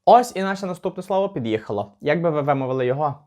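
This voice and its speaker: A man's voice: fairly high pitch, expressive, darkish tone, a little hiss or hum. Chatty man teaching English pronunciation. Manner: chatty, slows down to spell out words. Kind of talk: casual pronunciation lesson.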